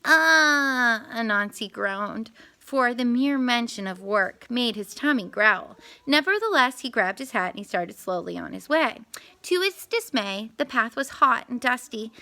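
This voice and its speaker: An animated woman reads a children's storybook aloud in a bright, fairly high voice. Her pitch rises and falls a lot, and she is expressive, adding little asides and corrections. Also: measured pace.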